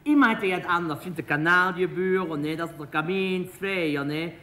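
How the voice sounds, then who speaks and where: A man's voice: sits high, normal speed, bright, forceful tone. Man playing a chatty, placating housemate. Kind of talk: live stage comedy sketch. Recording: echoey hall.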